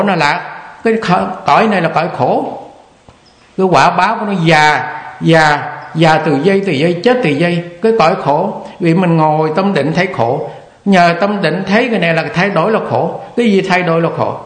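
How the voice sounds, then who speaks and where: Older man teaching meditation, echoey hall. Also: high voice. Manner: repetitive, conversational teaching with quoted examples. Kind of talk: dharma talk.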